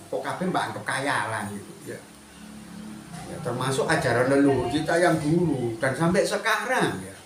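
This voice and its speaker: A man talks through spiritual teachings in a lively, conversational way, with a mid-range voice. The recording is echoey, with faint background noise. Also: mid-range voice. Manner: animated, mixes Indonesian and Javanese, chatty asides. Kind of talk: spiritual talk, addressing listeners.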